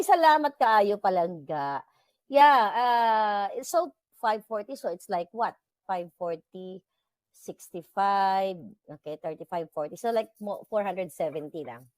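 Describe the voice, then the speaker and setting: A Filipino-accented woman hosts a casual livestream chat with her viewers, switching between Tagalog and English and laughing often. Her voice sits at a medium pitch, and the recording is dry.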